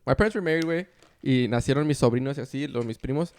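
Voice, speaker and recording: A man's voice: medium pitch, rapid-fire, darkish tone, clear, resonant tone. A young man joking on a podcast, mixing Spanish slang into his English and storytelling. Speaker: podcast co-host. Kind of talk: casual chat.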